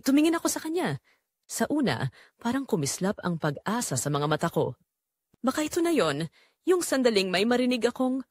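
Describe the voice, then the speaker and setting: Her pitch fairly high and sing-song, a little mellow, a woman with a Filipino accent portrays an unhappy wife and mother. She confesses her betrayal in reflective, measured first-person narration for an audio drama, sounding troubled but resolute. There is no echo.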